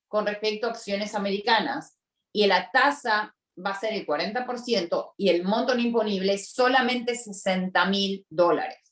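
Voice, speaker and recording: Emphatic woman lawyer, echoey distant mic. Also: mid-range voice. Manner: explanatory, emphatic, repeats key points. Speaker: tax lawyer, panelist. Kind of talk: webinar explanation. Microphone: video call.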